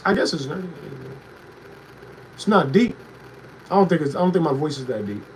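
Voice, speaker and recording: A young man streaming casually without a proper mic, animated one moment and low and reflective the next as he talks to his chat. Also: normal speed. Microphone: no proper mic, built-in device mic. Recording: noisy stream audio.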